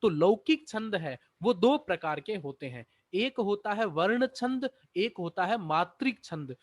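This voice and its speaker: A man's voice: high voice, expressive, a little slow, dry recording. A male Sanskrit teacher giving an exam-prep grammar lecture, explaining patiently, repeating key points and asking and answering his own questions. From India.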